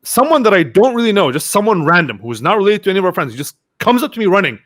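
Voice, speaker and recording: Racing along in a high-pitched voice, a young podcast guest tells casual stories. He is animated and plays out his friends' words in this storytelling interview.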